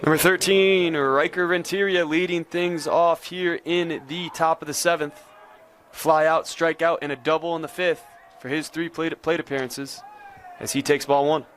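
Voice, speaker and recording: Male sports commentator, slightly high voice, live baseball play-by-play, outdoor ambient noise behind. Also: steady tone, normal speed, a bit bright.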